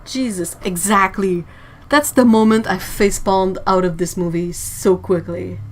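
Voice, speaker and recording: A woman's voice: medium pitch, steady tone, unhurried, poor audio. A woman hosting a casual livestream, chatting and reacting to chat messages with frequent laughs. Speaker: livestream host.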